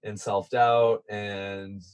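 A man's voice: on the low side, level tone, very slow, clear, resonant tone. A man casually telling an adventure story as a guest, chatty and self-deprecating, with plenty of fillers. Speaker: guest content creator.

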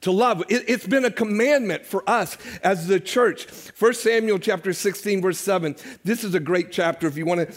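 High-voiced older male pastor preaching. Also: normal speed, few pauses. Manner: conversational, jokes with the congregation. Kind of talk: sermon. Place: church sanctuary.

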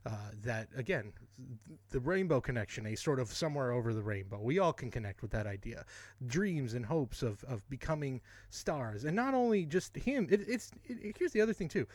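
A man's voice: mid-range voice, animated, fairly quick, darkish tone, no room sound. A man co-hosting a podcast in casual chat, rambling and correcting himself as he goes, often laughing. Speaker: podcast co-host.

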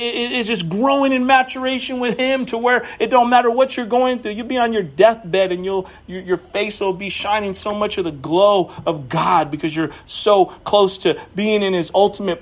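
A man with a high voice preaches to his congregation, talking earnestly and personally. He often stumbles and restarts as he tells his story. The sermon sounds like it was recorded in a church. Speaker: pastor.

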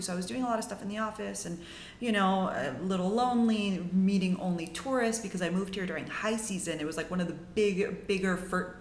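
There's a roomy sound and a bit of hiss or hum as a medium-pitched young woman from Mexico, in her twenties, recounts her story on a podcast. She's chatty and upbeat, with many "like"s and restarts.

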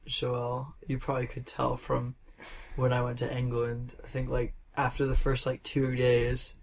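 A man's voice: medium pitch, monotone, a little slow, vocal fry, slight background noise, poor audio. A young man from New York telling a travel story in a casual group chat, easygoing and full of filler words.

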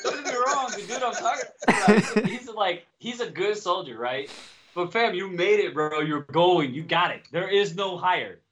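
A man's voice: high-pitched, lively intonation, normal speed, crowd noise. A man hosting a casual podcast chat, talking bluntly and swearing freely. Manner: blunt, profane, straight-talking. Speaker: podcast host. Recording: dull lo-fi recording.

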